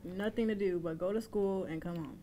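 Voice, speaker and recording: A woman's voice: medium pitch, fairly quick, dark tone. A woman hosting a casual talk show, reacting playfully. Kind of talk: casual chat.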